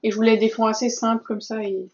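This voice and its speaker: Gushing woman vlogger, fairly high voice. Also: little pitch movement, quick pace, a little mellow, highs cut off. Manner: enthusiastic, gushing, many hesitations and asides. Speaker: vlogger showing a craft supply haul. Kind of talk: casual chatty vlog talk.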